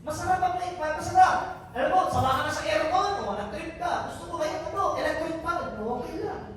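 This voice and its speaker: A man from Albay, Philippines, with a high voice gives a joking motivational talk to a live crowd. He teases people and keeps asking them questions. The voice rings through a very echoey hall, heard from a distance over faint background noise. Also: a little fast, fairly bright tone. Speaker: business mentor and motivational speaker. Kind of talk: motivational speech to a live audience. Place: event venue hall, indoors. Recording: very echoey event hall, picked up from afar.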